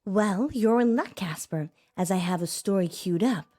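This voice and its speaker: Woman acting a breathy, girlish radio co-host. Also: mid-range voice, lively intonation, normal speed, lightly acted. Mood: composed. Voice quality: soft, breathy, baby-doll voice. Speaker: radio co-host in a story game. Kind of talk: dramatic game dialogue, late-night radio show.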